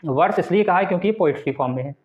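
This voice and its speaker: With a high-sitting, expressive voice, a man teaches English literature in Hindi. He reads the English definitions slowly before explaining them with patience, and the audio sounds tinny, as if from a phone.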